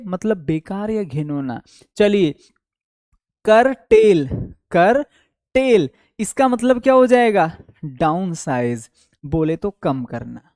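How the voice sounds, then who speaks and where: A man teaching English vocabulary in an online exam-prep class, asking questions and answering them himself and drawing out key words slowly for memory. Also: high voice, a little mellow, no room sound, studio quality.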